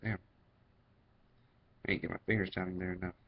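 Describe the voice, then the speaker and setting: A man's voice: low voice, little pitch movement, brisk. A man giving a casual, chatty product review in vlog style. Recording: dull, lo-fi sound.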